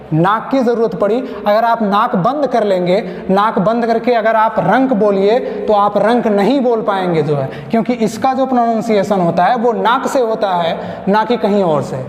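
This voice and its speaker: A man teaching Hindi grammar in an online exam-prep class, explaining step by step, asking questions and answering them himself, checking in with the class after each point. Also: very high voice. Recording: echoey room with long reverb.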